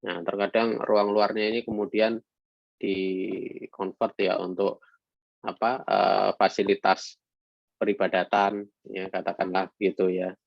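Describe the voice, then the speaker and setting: Low gravelly guy lecturing, lots of ums, dull lo-fi sound. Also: little pitch movement, dry recording. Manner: halting, many fillers, mixes in read English phrases. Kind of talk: online lecture.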